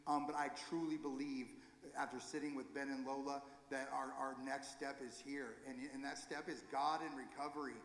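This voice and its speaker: A man leading a recovery ministry gives an informal, earnest church talk, halting and correcting himself as he goes. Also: medium pitch, little pitch movement. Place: church sanctuary. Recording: echoey hall with long reverb.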